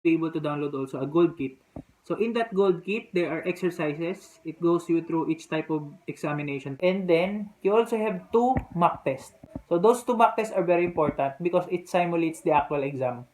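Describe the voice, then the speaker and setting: A native Filipino speaker from the Philippines, with a Filipino accent, casually explains practical test tips to the camera as a vlogger. The medium-pitched voice is lively, a little fast and a little mellow, and the low-quality recording has clear background noise.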